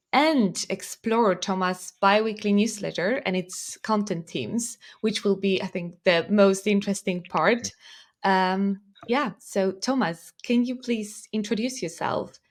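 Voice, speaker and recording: Chatty woman podcast host. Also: mid-range voice. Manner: friendly, chatty, with many fillers. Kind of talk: podcast interviewing.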